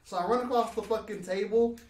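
A man excitedly telling a profane tabletop game story in casual talk. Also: high voice, fairly quick. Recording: roomy mic from a distance, faint noise.

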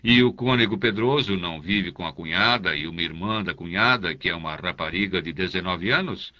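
A man's voice: low voice, a little fast, sharp tone, highs cut off. A man voicing a pompous, self-satisfied older canon priest in an audiobook, speaking in a confidential, lingering way. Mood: dismissive. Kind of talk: audiobook character voice.

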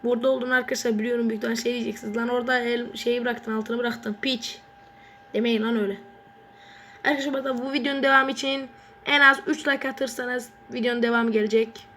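A woman giving excitable, foul-mouthed commentary while playing a mobile football game, bursting into shouts at the game. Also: on the high side, quick pace, slight background noise. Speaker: gaming channel host.

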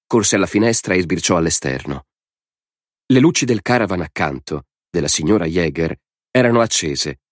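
A man reading an audiobook in a steady, measured narration. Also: sits low, dry recording, clean studio sound.

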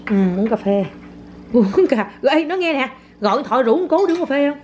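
A woman's voice: sits high, lively intonation, fairly quick, darkish tone, dull audio. A woman, a mother playfully teasing and exclaiming while she films her child at home. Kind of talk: casual home vlog. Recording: noisy home phone recording.

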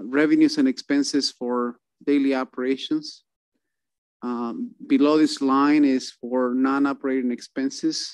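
A man presenting a city budget at a council meeting over a video call, halting with many fillers and restarts. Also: mid-range voice, darkish tone, no room sound.

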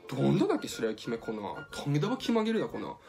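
Vain storybook queen in Tsugaru dialect, gruff and loud in bursts, voiced by a man, music behind. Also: on the high side, huge pitch swings, racing, heavily acted. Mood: angry. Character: vain, cold-hearted queen, quick-tempered.

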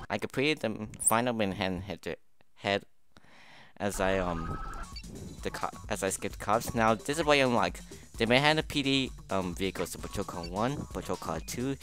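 A man with a fairly low voice gives recorded gameplay commentary over music and game sounds. His delivery is unhurried and relaxed, and he halts and repeats words as he explains. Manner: halting, often repeats words. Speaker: gaming video host.

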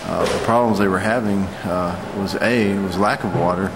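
A man in his forties giving an unscripted, matter-of-fact eyewitness vlog report, speaking haltingly. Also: low-pitched, background noise. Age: 40s. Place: hotel lobby, indoors.

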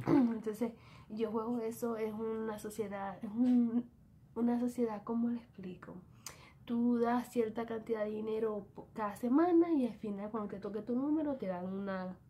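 A woman's voice: medium pitch, steady tone, normal speed, warm tone, slight background noise. Chatty Dominican woman in a bedroom. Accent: Dominican Spanish. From Dominican Republic. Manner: chatty, mixes English words into Spanish. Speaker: vlogger. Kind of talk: casual planner walkthrough. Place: small bedroom indoors. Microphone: phone camera at arm's length.

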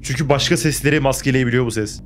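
A man's voice: mid-range voice, quick pace, a little hiss or hum. A young man playing a horror game, commenting on the action, getting jumpy and swearing back at the game. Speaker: gaming YouTuber.

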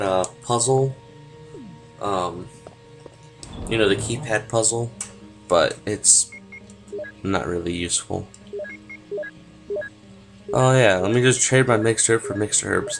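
A young man talks over a video game in a loose, conversational way, with dry sarcasm and a few swear words. His voice sits on the low side, and soft music plays faintly behind him. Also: measured pace, long pauses, rough recording. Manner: sarcastic, swearing, jokey asides. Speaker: let's play gamer. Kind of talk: casual gameplay commentary.

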